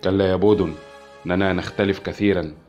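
A man's voice: low voice, steady tone, quick pace, a little mellow, dull audio, soft background music, lightly acted. A man voicing a defiant young male hero agent who speaks tensely.

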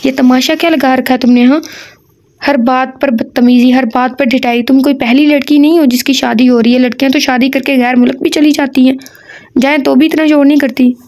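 Harsh bossy young guy read by a woman, high flat voice, scolding hard. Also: a little fast. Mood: angry. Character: angry young man, domineering fiancé.

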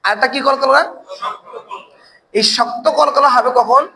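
A man with a very high, bright voice and a forceful tone teaches an online Quran recitation class, heard on a rough recording. He poses questions to the learners, answers them himself, and repeats words again and again to drill pronunciation.

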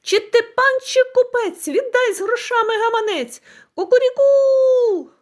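A woman's voice: extremely high pitch, measured pace, voice pushed up. A woman voicing a stubborn, defiant male rooster in a folk tale, chanting his demand in a crowing singsong. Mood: shrill demanding.

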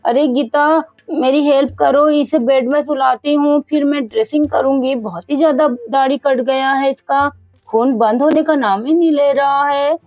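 A woman voicing a brisk female doctor who talks hurriedly and reassuringly, in a doll story. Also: high-pitched, no echo, muffled recording, faint music behind.

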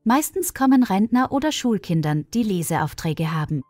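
A woman's voice: medium pitch, sing-song, normal speed, a little mellow, no room sound, soft background music. A woman voicing a kindly older village librarian nearing retirement, explaining patiently in a storybook reading.

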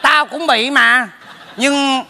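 High-voiced man scolding bluntly. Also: gravelly, long reverb tail, background noise. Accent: Southern Vietnamese. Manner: quick, blunt, mocking scolding. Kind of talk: stage comedy sketch.

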